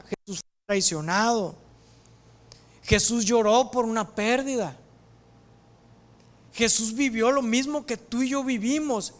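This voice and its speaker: Lively woman preaching a sermon. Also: mid-range voice. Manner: animated storytelling, acts out the scripture voices.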